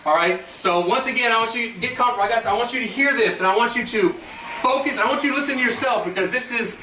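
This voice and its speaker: Male coach-style pep speech, fast and bright, exhorting with repeated phrases, recorded from a distance. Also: very high-pitched. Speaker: guest motivational speaker addressing a school basketball team. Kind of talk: pre-game locker-room pep speech. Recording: distant mic, echoey room, faint noise.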